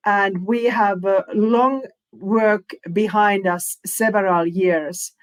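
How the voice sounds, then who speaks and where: Finnish woman, webinar moderator, slow and halting delivery, mid-pitched voice, video-call audio. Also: steady tone, poor audio. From Finland. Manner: hesitant, many fillers, non-native phrasing. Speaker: panel moderator. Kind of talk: online panel webinar.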